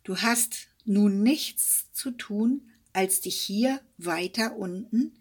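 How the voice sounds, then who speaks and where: A woman voicing a bossy, cunning male hedgehog in a fairy tale, gruff and commanding. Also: medium pitch, takes it slowly, darkish tone. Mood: scheming.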